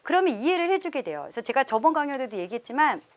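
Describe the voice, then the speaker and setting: A middle-aged woman professor giving a lively parenting lecture to a live audience, often laughing and acting out parents' lines. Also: high voice, very fast. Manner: animated, laughs often, acts out quoted parents. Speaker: professor leading a parenting seminar.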